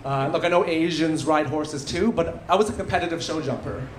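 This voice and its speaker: Here the same kind of act plays out: a Canadian man in his thirties does stand-up on a theatre stage into a handheld mic, his voice a little high and his pace brisk. He hits punchlines hard and drops dry asides while the live audience laughs. The audio is poor, with crowd noise throughout.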